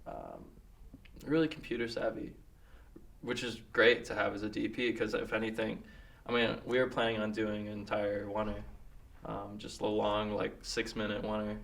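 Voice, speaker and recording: A man talking as a podcast guest in casual chat, relaxed and hesitant, full of fillers. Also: lowish voice, normal speed, gravelly, distant mic. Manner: relaxed, hesitant with many fillers, laughs often. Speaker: guest, cinematographer and director. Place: podcast studio.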